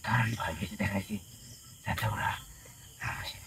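A man speaking as a frightened male spirit haunting a brick kiln, pleading in a gravelly voice that drops into hushed whispers, in a noisy recording. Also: lowish voice, normal speed. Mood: sullen. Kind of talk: possession session.

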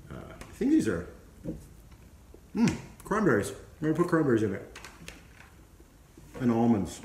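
A man's voice: on the low side, a little mellow. Chatty man cooking in an echoey kitchen. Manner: chatty, playful, talks to camera while chopping. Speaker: cooking show host. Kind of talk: casual cooking vlog. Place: home kitchen, indoors. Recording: echoey kitchen with clear background noise.

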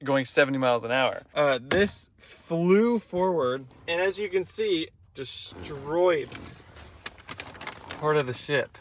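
Excitable man vlogging from the road. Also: fairly high pitch, takes it slowly, pauses often. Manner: excitable, chatty, jumps between asides. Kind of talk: casual travel vlog. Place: in a car and at roadside stops. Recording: road and car noise behind.

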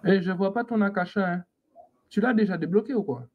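Teasing live-stream host, higher-pitched man. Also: brisk, narrow, tinny audio. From French Antilles. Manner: teasing, scolding viewers, laughing often. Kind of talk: casual live-stream chat.

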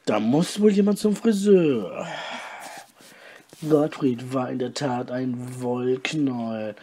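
A man reading a story aloud with deadpan, mocking asides. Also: mid-range voice, slow. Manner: deadpan, mocking, comments on his own reading. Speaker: podcast host reading his story aloud.

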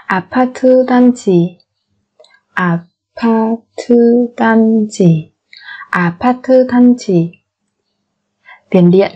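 A woman teaching a language vocabulary lesson, repeating each word slowly several times. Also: a little high, dark tone. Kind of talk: vocabulary lesson with repetition drills. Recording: muffled lo-fi recording.

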